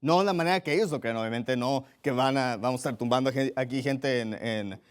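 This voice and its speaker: A man's voice: mid-range voice, fairly quick, clean tone. A man preaching a sermon, reading scripture aloud and then explaining it plainly. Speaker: pastor.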